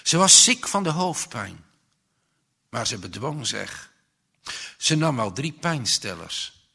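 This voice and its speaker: A man reading a story aloud in a slow, expressive way, with dramatic pauses. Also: on the high side.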